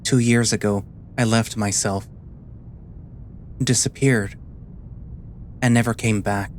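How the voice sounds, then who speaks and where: A man playing a weary, guilt-ridden animal sailor, narrating a first-person story in a quiet, subdued, slow and deliberate way. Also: lowish voice, steady tone, slight background noise. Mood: sorrowful, resigned.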